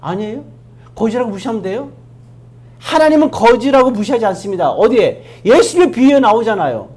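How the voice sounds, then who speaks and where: A pastor delivers a Sunday sermon in a church in a lively, sweeping voice of middle pitch. The preacher peppers the congregation with rhetorical questions, pushing hard on key words and then sinking to near-whispered asides. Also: brisk. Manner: swings from loud emphasis to hushed asides. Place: church sanctuary.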